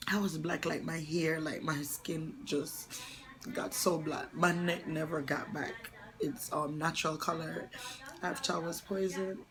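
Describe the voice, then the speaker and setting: Slow, gravelly-voiced young woman vlogger. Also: deep voice, steady tone, a crowd in the background, poor audio. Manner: soft, halting, often slipping into a whisper; tearful and earnest. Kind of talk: personal story vlog.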